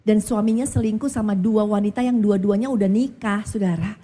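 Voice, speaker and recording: A woman pastor preaching a sermon, telling stories in an animated way and often calling out to her listeners. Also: medium pitch, brisk. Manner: animated storytelling, addresses listeners as "saudara".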